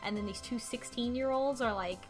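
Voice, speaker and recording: Recapping a game's plot in a relaxed podcast discussion, the female co-host adds her own commentary. She speaks a little fast in a voice on the high side, over faint background music.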